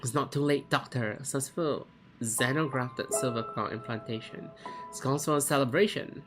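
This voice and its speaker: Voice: mid-range voice, normal speed, close to an everyday voice. A performer voicing a cold researcher in a game, clinical and self-satisfied. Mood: gloating. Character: cold, gloating researcher doctor. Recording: music behind the voice.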